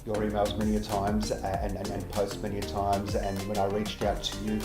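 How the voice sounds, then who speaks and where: In an echoey room with background music, a middle-aged man who works as an implant dentist responds earnestly to interview questions. His pitch is fairly low and his delivery brisk and completely flat, and he tends to repeat words when starting a sentence.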